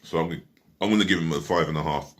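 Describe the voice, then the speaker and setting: A man with a low, forceful and bright voice gives a rambling fan review of a football match. He is blunt, swears freely and fills his talk with ums, now and then speaking through a mouthful of food. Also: fast talker. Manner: talks while eating. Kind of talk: casual match review vlog.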